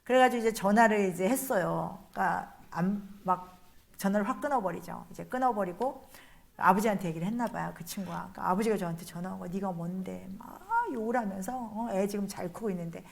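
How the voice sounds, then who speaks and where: Nun telling a story in a lecture. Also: female voice, mid-range voice, quick pace, gravelly. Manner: colloquial storytelling, acts out the people she quotes. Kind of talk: spiritual lecture told as a personal story.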